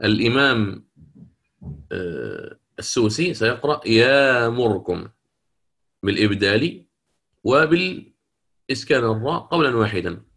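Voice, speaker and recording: Man teaching recitation in slow, drawn-out demonstrations. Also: mid-range voice, sing-song, vocal fry, a bit bright. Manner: explains rules then models words in slow drawn-out recitation; asks the class questions and answers them himself. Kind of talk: recorded lecture on Quranic readings.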